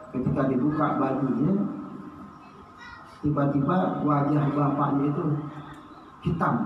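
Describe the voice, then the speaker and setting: A man preaching and telling a story. His voice sits a little high, and he swings between loud high exclamations and low hushed lines. He is recorded from a distance in a long, echoing hall with clear background noise. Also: dull audio. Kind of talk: sermon storytelling. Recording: echoey hall, heard from a distance.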